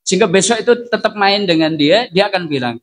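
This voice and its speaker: A man leads a religious study group and answers the audience's questions. His voice sits a little high for a man. He talks in a relaxed, conversational way, slips in regional words and keeps tossing rhetorical questions back at his listeners. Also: fast. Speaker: preacher.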